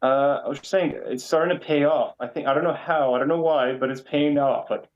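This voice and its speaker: A man's voice: a little high, steady tone, a little fast. A man calling in over a video call that keeps breaking up, rambling casually with lots of filler "likes". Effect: choppy audio breaking up. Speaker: call-in guest. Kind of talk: casual chat. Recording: dull lo-fi call audio.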